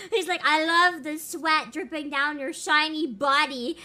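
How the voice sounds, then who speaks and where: A woman streaming a game through a voice changer, giggling and swearing while she chats casually. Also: bright, forceful tone. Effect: voice changer raising the pitch. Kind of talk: casual gameplay commentary.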